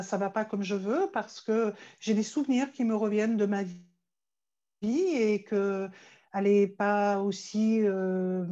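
A woman's voice: mid-range voice, warm tone, lo-fi sound. A woman therapist talking frankly and animatedly in a conversation, often repeating her first words. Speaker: therapist and stress coach, guest. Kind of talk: conversational interview talk.

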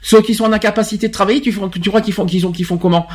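A man's voice: high-pitched, steady tone, rapid-fire. A man hosting a podcast, talking emphatically in a casual chat and often restarting his words. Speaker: podcast host.

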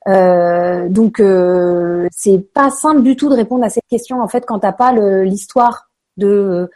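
A woman's voice: medium pitch, measured pace, darkish tone. A woman actress talking casually as an interview guest, with lots of fillers and hesitations. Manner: many fillers, hesitant, chatty.

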